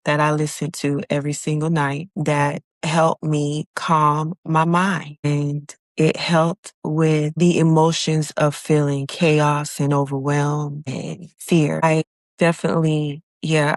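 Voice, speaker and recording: A woman hosting her own podcast, talking alone in a calm, reflective, encouraging way. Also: low-pitched, no echo, clean studio sound. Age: adult with children. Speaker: podcast host. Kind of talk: solo motivational podcast talk.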